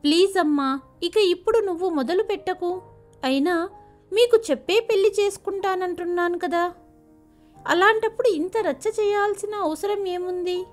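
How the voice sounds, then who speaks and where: A woman's voice: extremely high pitch, normal speed, soft background music, pitched above the performer's own voice. A woman voicing a defiant young man, a grown son who talks back sharply. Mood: angry.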